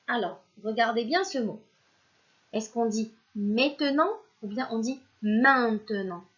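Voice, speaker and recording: A woman's voice: fairly high pitch, steady tone, normal speed, muffled recording. A woman teacher giving a recorded reading lesson to young children, sounding out syllables one by one and praising the pupils. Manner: speaks directly to the pupils as if they are present, praising them. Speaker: primary school teacher.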